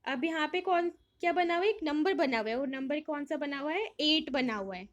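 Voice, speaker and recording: Recorded with dull audio, a woman's high, expressive voice moves fairly quickly as she teaches young children a worksheet. She reads each English line aloud and explains it in Hindi, asking questions only to answer them herself.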